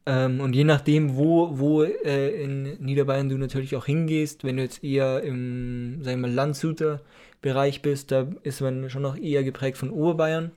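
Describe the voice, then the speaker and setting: A man's voice: mid-range voice, steady tone, moderate pace, mellow. A man casually explaining things on a podcast, hesitant with many fillers and a teasing edge. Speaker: podcast co-host explaining dialects.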